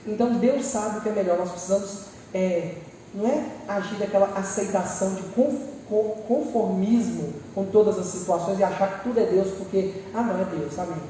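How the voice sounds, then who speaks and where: A woman with a Brazilian accent preaching a lively sermon and acting out people's prayers with humorous asides. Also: medium pitch, normal speed, a little hiss or hum. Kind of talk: church sermon. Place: large church hall. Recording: echoey church hall, mic far off.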